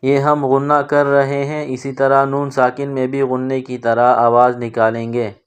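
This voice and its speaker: A man teaching children to read the Quran, explaining each letter patiently and drawing syllables out slowly in recitation. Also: medium pitch, level tone, clean tone. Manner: slow, drawn-out syllable-by-syllable recitation between explanations. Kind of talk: step-by-step recitation lesson for kids.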